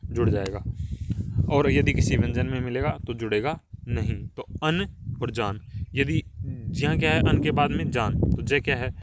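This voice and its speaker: A man's voice: medium pitch, moderate pace, heavy background noise. Man teaching with rhetorical questions. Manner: explains step by step with many rhetorical questions. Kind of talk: solving a test in an online class.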